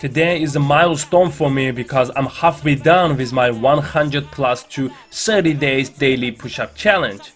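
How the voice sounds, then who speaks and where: A man from China with a non-native English accent, narrating a personal vlog in an earnest, deliberate way. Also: mid-range voice, a bit bright. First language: not English. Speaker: vlogger. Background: background music.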